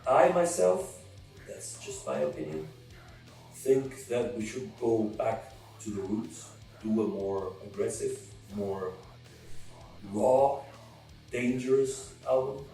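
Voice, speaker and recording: A man's voice: mid-range voice, very animated, takes it slowly, mellow. A man from Chile, a guest in a band, speaking casually and thinking aloud with hedges. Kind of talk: casual interview chat. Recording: very echoey distant mic with faint music.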